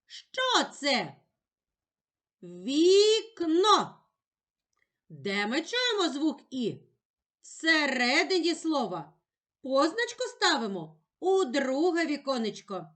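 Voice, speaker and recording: A woman teacher giving a slow, clearly spoken lesson for young children, drawing out the words and sounds she stresses. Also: sits high, sing-song, bright, forceful tone. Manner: drawn-out, sing-song emphasis on words and sounds.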